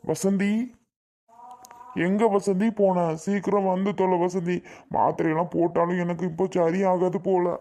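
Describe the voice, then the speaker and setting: A man's voice: high-pitched, flat delivery, moderate pace, mellow. A man voicing a husband moaning with stomach pain and begging to go to hospital, in a cartoon. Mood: groaning. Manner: moaning, pleading. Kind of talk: cartoon voice acting.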